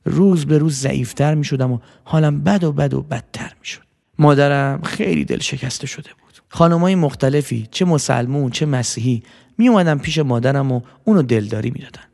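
Gravelly man telling a story. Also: on the high side. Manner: gentle, repeats words for effect. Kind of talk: first-person storytelling. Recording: long hall reverb.

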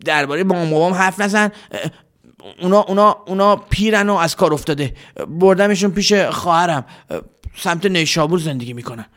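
A man's voice: high voice, a bit bright, voice pushed up. A man voicing an earnest, naive young village man who stammers and hesitates. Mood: defensive.

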